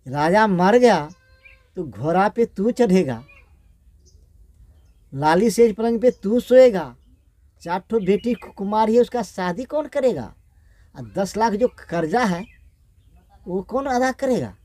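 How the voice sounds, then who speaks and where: A man voicing a grieving, shrewd and quick-tempered queen who laments in a wailing sing-song. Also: mid-range voice, lively intonation, warm tone, no room sound. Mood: furious.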